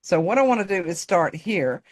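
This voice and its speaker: A woman's voice: fairly low pitch, expressive, brisk. A woman with a North Carolina Southern accent, presenting informally as a coach and addressing listeners directly in a folksy way. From North Carolina, United States. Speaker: personal development coach, guest presenter.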